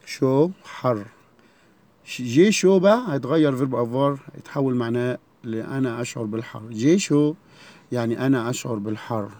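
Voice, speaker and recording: An Egyptian-accented man teaches a French lesson to schoolchildren. He drills every verb form slowly and says it again and again. His pitch sits mid-range for a man. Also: darkish tone. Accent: Egyptian Arabic. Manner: slow, repeated drilling of words. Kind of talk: classroom lesson.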